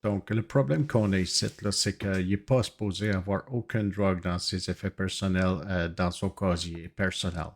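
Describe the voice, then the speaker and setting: Man playing a low-voiced, halting official. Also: steady tone. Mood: formal, concerned. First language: not French. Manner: halting, formal, hesitant. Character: formal, hesitant hospital security official, male. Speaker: hospital official or inspector. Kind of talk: improvised role-play.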